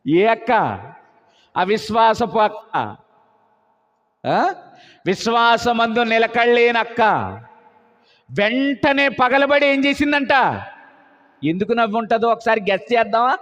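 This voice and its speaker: A man's voice: extremely high pitch, slow, long pauses, fairly bright tone. A male preacher telling a Bible story as a sermon, often posing questions and answering them himself. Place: church meeting. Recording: muffled sound with long hall reverb.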